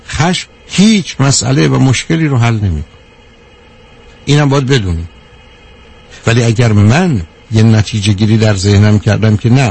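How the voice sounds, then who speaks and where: A man giving a measured talk to a live audience, counting off his points one by one and answering a question from the room. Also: fairly low pitch, a little mellow, slightly rough. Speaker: speaker on anger management.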